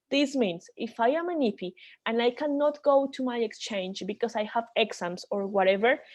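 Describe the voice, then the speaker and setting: A woman's voice: a little high, a little mellow. A woman leading an online training call, explaining rules step by step with frequent restarts.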